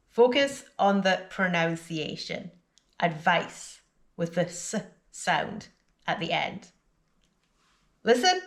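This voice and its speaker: Woman teaching english vocab, takes her time, clear careful drills, repeat after me stuff. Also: lowish voice. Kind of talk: scripted vocabulary lesson.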